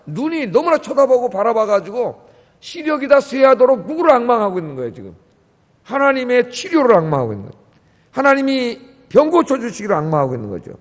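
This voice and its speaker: A man preaching in a church sanctuary, his high voice carrying a long reverb through the room. He is impassioned, dropping to quiet asides and rising to loud pleading. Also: sing-song, brisk. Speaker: pastor. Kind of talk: sermon.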